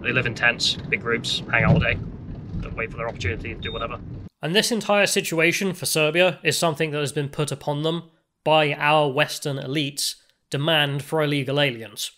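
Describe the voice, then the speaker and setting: A man's voice: fairly high pitch, fairly quick, bright, forceful tone. A man from the UK, a travel vlogger, thinking aloud in reflective commentary with restarts and asides while riding in a car. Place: inside a moving car.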